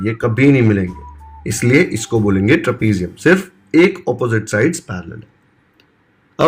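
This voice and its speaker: A man teaching a math lesson in a mid-pitched voice that is neither high nor low. He asks a question and then answers it himself, mixing English maths terms into his Hindi. Soft music plays faintly behind him. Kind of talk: classroom-style video lecture.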